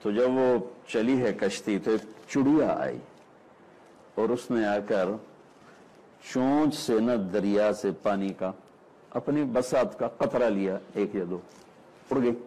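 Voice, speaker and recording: Preacher guy telling a story, acts out the voices, slows way down for the verses. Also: mid-range voice, dark tone, poor audio. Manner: dramatic, acts out dialogue, recites Arabic verses slowly. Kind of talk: sermon storytelling.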